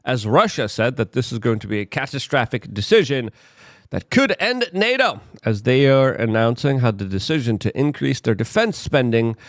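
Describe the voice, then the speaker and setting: A Polish man delivers opinionated political commentary, hesitating and using lots of filler words, with sudden emphatic leaps in pitch. The recording is studio quality with no echo.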